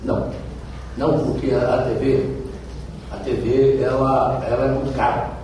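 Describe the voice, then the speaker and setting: A man's voice: medium pitch, warm tone. An older man with an interior São Paulo Brazilian accent gives an emphatic motivational talk, repeating phrases and asking rhetorical questions. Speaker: radio broadcaster giving a talk. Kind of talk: motivational public speech with personal anecdotes. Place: echoey room at a speaking event. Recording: echoey hall, distant mic, faint noise.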